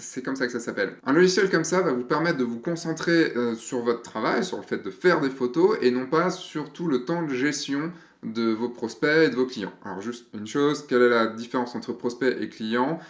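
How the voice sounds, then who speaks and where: Chatty man in an echoey room. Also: medium pitch. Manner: chatty, lots of fillers and restarts. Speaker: photographer video host. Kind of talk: casual explainer video.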